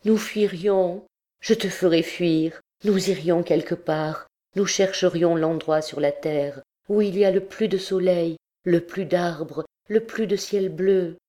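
A woman's voice: on the low side, slow pace, dark tone, pitched above the performer's own voice. A woman reading the part of an obsessive, lovesick male priest in an audiobook, pleading with passion. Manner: pleading, impassioned.

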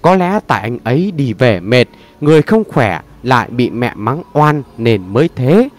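A man's voice: medium pitch, big pitch swings, normal speed, close to an everyday voice. A man doing a heartbroken young woman. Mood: pleading. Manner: tearful pleading.

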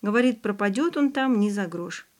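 A woman's voice: mid-range voice, animated, normal speed, a little mellow, lightly acted. Lady reading a joking easygoing schoolboy, audiobook.

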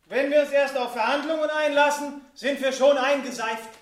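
Insistent young worker, high pitch, echoey stage recording. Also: male voice, steady tone, moderate pace.

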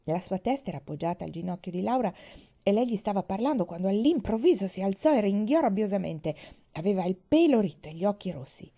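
A woman reads a children's story aloud in a gentle, measured way. Her tone is mellow and warm, and her pitch sits in an ordinary middle range. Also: expressive. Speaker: audiobook reader.

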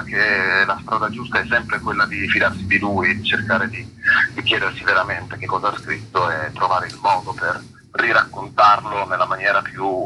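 A man with a fairly low-pitched voice reflects articulately on his theatre work in an interview, pausing and repeating himself as he hunts for the right words. There's noise in the background.

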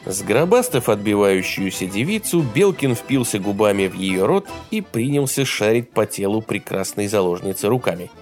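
Male audiobook reader, lively pitch, faint music underneath. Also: normal speed, few pauses. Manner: expressive, dramatic reading. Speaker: audiobook narrator. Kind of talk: audiobook narration.

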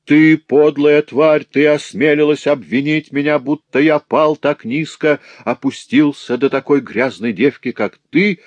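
A man voicing an enraged, hypocritical middle-aged notary who shouts slow, venomous insults. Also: fairly high pitch, no room sound, voice pushed up, lightly acted. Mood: furious.

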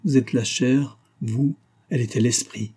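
Stern embittered husband, icy and sarcastic, read by a man with a very dark voice. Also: medium pitch, fairly even intonation, unhurried, breathy edge. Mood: cold.

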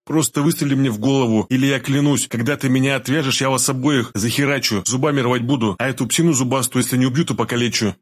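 A man voicing a desperate male captive who speaks loudly and with strain in his voice. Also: medium pitch, animated, normal speed, few pauses, breathy edge, pitched above the performer's own voice. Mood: hysterical. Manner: raised, pleading then raging.

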